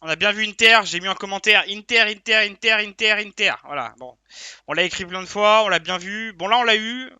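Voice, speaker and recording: A man with a high voice and a very bright, piercing edge talks through a casual video debrief of his betting tips. He rambles and hesitates, stacking fillers and second-guessing himself in a frustrated tone. The sound is dry and close, with no room around it. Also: fairly quick, smooth, no room sound. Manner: frustrated and self-questioning. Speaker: sports betting tipster.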